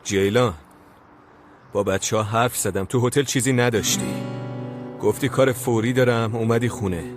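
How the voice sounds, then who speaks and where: A man's voice: mid-range voice, music in the background, natural voice. A man playing Qadir, a protective young man. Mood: gentle. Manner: gentle and concerned, turning urgent. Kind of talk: TV drama dub.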